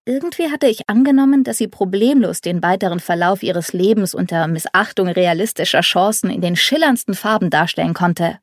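A woman reading a first-person story aloud in a lively, wry storytelling manner. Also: lowish voice, fairly quick, hardly any pauses, no echo, studio quality. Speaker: audiobook narrator. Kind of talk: scripted first-person narration.

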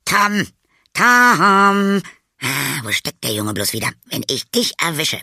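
A man's voice: animated, normal speed, gravelly, bright, forceful tone, husky, no room sound, studio quality, full character voice. A man voicing a stern older aunt who scolds her mischievous nephew. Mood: calling out. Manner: shrill, scolding.

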